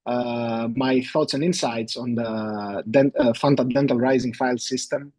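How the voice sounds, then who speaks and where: A man's voice: mid-range voice, measured pace, a little mellow, dry recording. A man, presenting a live webinar as an endodontist, hesitant and full of fillers and restarts. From Greece.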